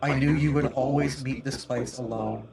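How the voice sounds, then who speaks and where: A man's voice: medium pitch, steady tone, normal speed, vocal fry, background noise. A man doing a mournful statue spirit through a voice changer. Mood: sorrowful. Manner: solemn, archaic phrasing. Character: sorrowful ancient female statue spirit. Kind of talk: game master voicing a character.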